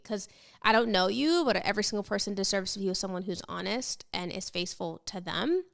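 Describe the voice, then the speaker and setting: A young woman hosting a podcast, giving candid, rambling advice in a casual, conversational way with vocal fry. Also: medium pitch, a bit bright. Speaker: podcast host. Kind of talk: casual advice chat answering listener questions. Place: apartment set up as podcast studio.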